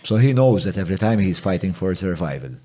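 Mellow low-voiced male host. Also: lively intonation, slight background noise. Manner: reflective and halting, many "like"s and restarts. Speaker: podcast host. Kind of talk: conversational interview.

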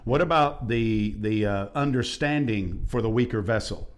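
A man, a pastor preaching fiery and emphatic in a discussion, rising to loud peaks. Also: lowish voice, normal speed.

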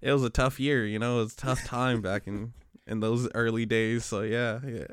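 Smooth-voiced man telling laid-back stories. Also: medium pitch, level tone, normal speed, dry recording, studio quality. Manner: laid-back, slangy storytelling with frequent restarts. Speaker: podcast co-host; special education teacher. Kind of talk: casual chat.

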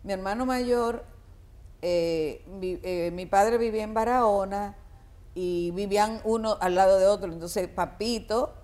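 A woman's voice: mid-range voice, unhurried, darkish tone. An older woman with a Dominican accent, speaking as a guest singer in an interview. She reminisces with a middle-range voice, stumbling over fillers and restarts and often breaking into laughs.

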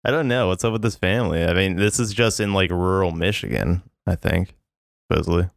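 A man's voice: low voice, brisk, gravelly, no echo, clean studio sound. A man co-hosting a podcast, chatting casually in a laid-back, agreeable way. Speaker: podcast co-host. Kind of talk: casual chat.

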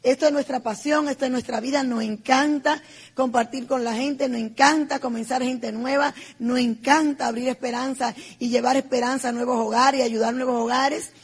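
Middle-aged woman, husky; heartfelt speaker telling her own story. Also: high-pitched, fairly even intonation, moderate pace. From Dominican Republic. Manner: heartfelt storytelling, emphatic and repetitive. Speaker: business speaker. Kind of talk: personal testimony speech.

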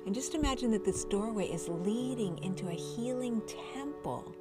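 A woman leading a guided meditation in a soft, soothing, unhurried spa-like voice, repeating words as she goes. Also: on the high side, animated. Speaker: host of a healing show and guided-journey leader. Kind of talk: slow guided meditation narration. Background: music behind the voice.

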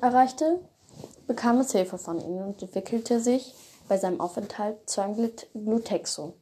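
A woman telling a homemade fairy-tale story aloud, slowly and with pauses between her phrases. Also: mid-range voice, warm tone, breathy edge.

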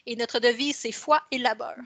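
A woman's voice: a little high, fairly even intonation, normal speed, a bit bright, dry recording. A woman with a Québécois French accent, an author chatting casually as a podcast guest, rambling and correcting herself as she goes. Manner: rambling, self-correcting, many restarts.

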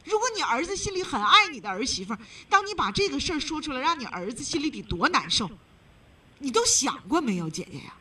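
A woman's voice: high voice, big pitch swings, quick pace, pushed and bright, recorded from a distance. A woman hosting a call-in advice radio show, blunt and emphatic, lecturing the caller.

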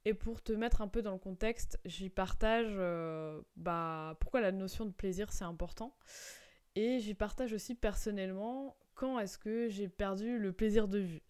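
A woman's voice: mid-range voice, measured pace, darkish tone, smooth. A young woman hosting her own podcast as a business coach, talking casually with many fillers and restarts. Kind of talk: casual solo podcast talk.

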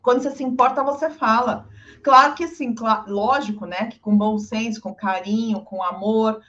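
A woman's voice: a little high, normal speed. A woman in a casual advice chat, speaking animatedly and often acting out what other people say. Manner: animated, often acts out quoted speech. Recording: dull lo-fi recording.

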